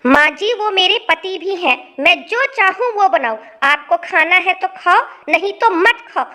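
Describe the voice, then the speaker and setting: A woman's voice: very high voice, expressive, a little slow, bright, forceful tone, heavily acted. A woman voicing a whiny, defiant young bride. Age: young adult. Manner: whiny, talks back.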